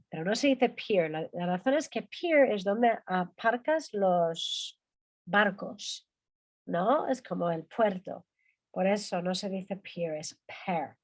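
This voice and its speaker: A woman teaching an English class, repeating each word several times for pronunciation and then explaining its meaning. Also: medium pitch. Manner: drills words by repeating them slowly, then explains. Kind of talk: online language class.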